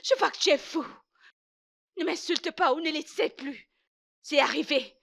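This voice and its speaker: Stubborn, unfaithful young wife in a dubbed drama; high-pitched, challenging and heated. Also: female voice, measured pace, creaky, a bit bright, heavily acted. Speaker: wife in a marriage dispute.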